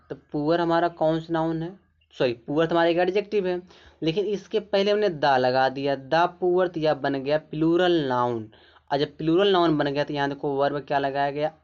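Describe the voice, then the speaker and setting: A man teaching a grammar lesson with a smooth, resonant voice. He walks through each point slowly and asks himself questions before answering them. The recording sounds somewhat dull and lo-fi. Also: on the high side. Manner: explains step by step, asking and answering his own questions. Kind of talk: explaining a grammar lesson in Hindi.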